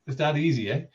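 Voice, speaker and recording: A man's voice: on the high side, dull audio. A man hosting a casual live stream, friendly and laughing as he prompts the audience. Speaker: host of a rum club live stream.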